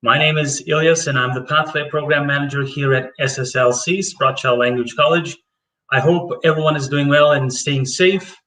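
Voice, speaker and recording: A man's voice: on the high side, fairly even intonation, normal speed, pushed and bright. A man hosting a live webinar as program manager, friendly and hesitant, with many fillers. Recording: roomy distant webinar audio.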